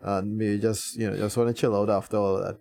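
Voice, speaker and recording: Laid-back man with a gravelly voice. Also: lowish voice, level tone, brisk, a little mellow. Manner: laid-back, chuckling, lots of fillers. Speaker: band member guest. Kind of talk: casual interview chat.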